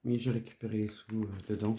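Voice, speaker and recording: A woman narrating her budgeting casually and counting aloud, haltingly, her voice thick and strained from swollen tonsils. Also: rumbling low, little pitch movement, warm tone. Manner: halting, murmuring to self while counting. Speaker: host of a budgeting video. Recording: noisy, with clicks and paper rustling.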